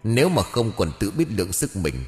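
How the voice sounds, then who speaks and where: A man's voice: fairly low pitch, sing-song, fairly quick, a little mellow, big-room sound. A man voicing the vengeful ghost of a young woman, bitter and grieving, spitting out harsh words in an audio ghost story. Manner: harsh, spits words one by one.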